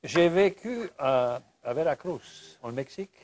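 A man from Louisiana with a Cajun French accent, chatting on a local show in a lively, joking way. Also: fairly high pitch, measured pace. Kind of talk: casual chat. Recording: faint hiss.

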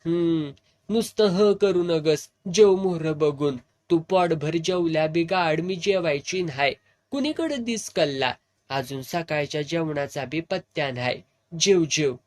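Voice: mid-range voice, lively intonation, measured pace, close to an everyday voice. An old village woman with a rural Satara accent who fusses and scolds like a mother, put on by a storyteller. She coaxes the others to eat and won't let anyone skip a meal. It sounds like a spoken audiobook. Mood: coaxing. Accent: rural Satara Marathi.

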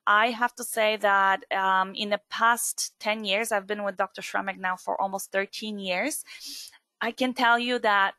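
Woman from Poland, webinar presenter, chatty and filler-heavy, bright tone, dry mic. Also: medium pitch, fairly even intonation, unhurried, dry recording. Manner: chatty, many fillers and asides. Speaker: skincare distributor presenter.

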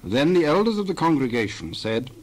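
A man narrating a dramatized Bible reading, measured and formal with archaic scripture phrasing. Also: on the high side, big pitch swings, poor audio.

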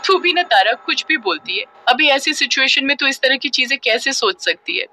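Brief: quick-retort young woman, shy underneath, storybook drama, read by a woman. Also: a little high, sharp tone. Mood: embarrassed.

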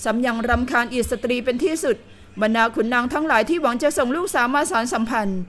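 A woman reading a period novel aloud in a steady storytelling manner. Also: a little high, quick pace, slight background noise. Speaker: audiobook narrator. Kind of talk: scripted novel narration.

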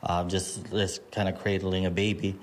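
A man organizing a haunted attraction, interviewed on location, talking casually with many fillers and pauses. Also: deep voice, level tone, slight background noise. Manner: hesitant, filler-heavy, casual. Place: outdoor plantation village house.

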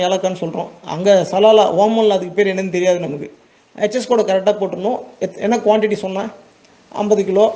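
With a high, mellow voice, the Tamil Nadu export business owner walks listeners through a casual, step-by-step tutorial in his regional accent, checking in with them and repeating words to stress points. The recording sounds muffled.

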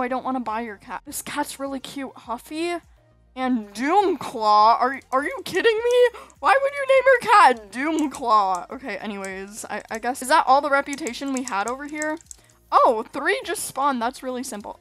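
A woman's voice: sits high, fairly bright tone. A woman giving chatty gameplay commentary, often exasperated and exclaiming as she plays. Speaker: gaming YouTuber.

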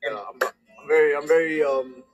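A man hosting a casual livestream, chatting in an upbeat way and often starting his sentences over. His voice sits a little high. Faint music plays behind him. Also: moderate pace. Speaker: host.

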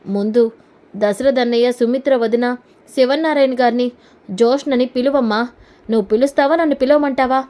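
A woman voicing an angry middle-aged man who forcefully confronts his family. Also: on the high side, normal speed, close to an everyday voice. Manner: forceful, accusing.

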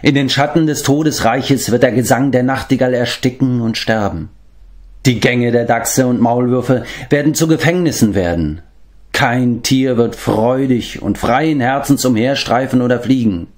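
A man voicing a wise, grave old man who watches over the animals, in a measured, stately storybook manner. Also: mid-range voice, expressive, a little mellow, lightly acted. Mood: commanding.

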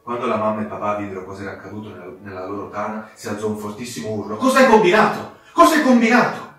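A man narrating a fairy tale for children with expressive, dramatic delivery. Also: on the low side, very fast. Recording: very echoey room, distant mic, soft music.

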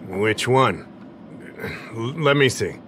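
An actor playing a friendly, somewhat scatterbrained official in a video game, casual and easygoing. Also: male voice, mid-range voice, expressive, slow pace, background noise. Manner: casual and easygoing, a bit forgetful. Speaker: game character.

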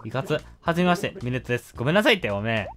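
A man voicing a gruff, blustering male animal villager. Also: medium pitch, sing-song, racing, fairly bright tone, soft background music.

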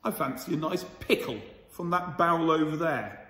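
Kindly old saint from a storybook, unhurried and deep, as a narrator puts him on, in a long, reverberant room. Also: male voice, pushed and bright. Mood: sly. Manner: slow and deliberate. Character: calm, kindly old male Saint Nicholas.

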